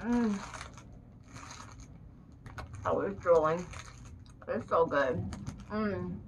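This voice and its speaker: A woman's voice: fairly low pitch, drawn-out words, slight background noise, low-quality recording. A woman vlogger chatting casually at home, talking while she chews. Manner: chatty, talks while chewing. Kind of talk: casual eating vlog chat. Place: her bedroom at home.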